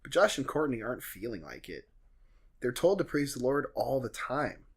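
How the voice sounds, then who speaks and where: A young man with a husky, breathy voice co-hosts a comedy podcast. He walks through a show's plot in a dry, sardonic tone, dropping jokes as he goes. His pitch sits in a middle range. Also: big pitch swings, moderate pace. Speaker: podcast co-host. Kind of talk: casual comedic recap chat.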